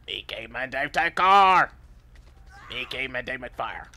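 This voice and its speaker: A man voicing a dim-witted, excitable caveman who talks about himself in the third person while commenting on gameplay. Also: medium pitch, moderate pace, creaky, full character voice. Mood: goofy. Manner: broken caveman grammar, third person, sudden yelps. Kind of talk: playful game commentary in character.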